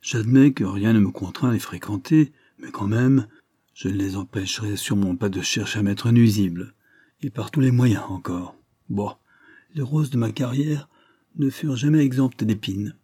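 A man's voice: fairly low pitch, moderate pace, warm tone, slightly rough, no room sound, studio quality. Man voicing a wry, mock-formal young engineer. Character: ironic, ceremonious young male engineer.

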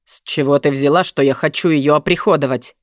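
A woman voicing a gruff, possessive young man who talks in a low, husky murmur in an audiobook. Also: steady tone, fairly quick, no room sound, clean studio sound, lightly acted. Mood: brooding. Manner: pressing, intense, murmured. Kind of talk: audiobook narration.

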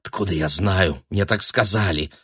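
A man's voice: deep voice, moderate pace, fairly bright tone, breathy edge, dry recording, clean studio sound. A man voicing a cool, sensible young woman who speaks curtly and coldly, in an audiobook. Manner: cold, curt.

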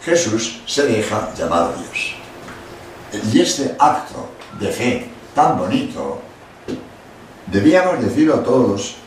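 Older Spanish priest in an echoey hall. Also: male voice, mid-range voice, takes it slowly. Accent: Spain Spanish. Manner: animated, acts out quotes, emphatic asides. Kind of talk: religious lecture. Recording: echoey hall from far off with faint noise.

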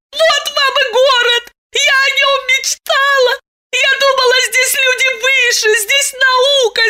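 A woman voicing a naive young village girl who shouts through her tears in a hysterical rage. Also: very high voice, pitched above the performer's own voice, full character voice. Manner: shouting, tearful, breaking into sobs.

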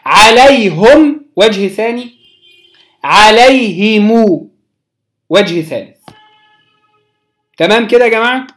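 In this recorded religious lesson, a teacher with an Egyptian accent and a medium-pitched voice teaches Quran recitation. He patiently explains each point and draws out every recited example word slowly.

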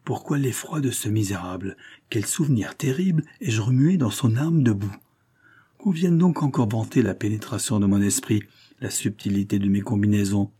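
A man playing a sly masked detective, ironic and defiant, raised husky voice. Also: medium pitch, expressive, normal speed, mellow, voice pushed up. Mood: musing.

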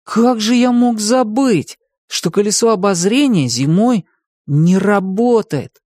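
A woman's voice: mid-range voice, expressive, warm tone, no room sound, clean studio sound, voice pushed up. Woman voicing a hot-tempered young boy. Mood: eager. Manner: raised, quick-tempered and demanding.

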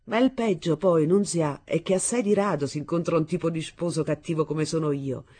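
A woman reading aloud voices a brash young husband who mocks and threatens his bride in loud bursts. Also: low voice, fairly quick, breathy edge. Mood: menacing. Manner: mocking, menacing, loud bursts.

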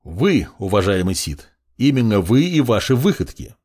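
A man's voice: lowish voice, sing-song, moderate pace, a little mellow, husky. Man voicing a curt young male judge. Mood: irritated. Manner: brusque and lecturing.

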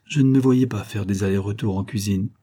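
A man reading a first-person novel aloud in a measured, wry storytelling manner. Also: fairly low pitch, mellow. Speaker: audiobook narrator.

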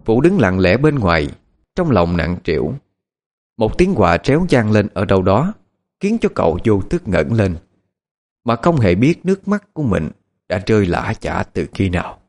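A man narrating a ghost story as an audiobook, in an expressive, measured storytelling manner. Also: fairly low pitch.

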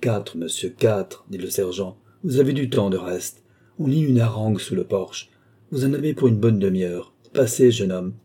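A man voicing a gruff, mocking sergeant in an audiobook, with a condescending manner. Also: on the low side, moderate pace, dark tone. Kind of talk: audiobook character reading.

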